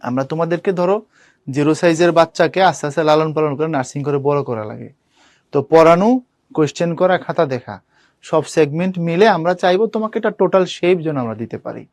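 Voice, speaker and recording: A man's voice: fairly high pitch, lively intonation, fast, darkish tone, dry recording. A young man teaching an online admission class, talking casually and asking students questions. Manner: casual, chatty, addresses students directly, asks them questions. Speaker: university admission tutor.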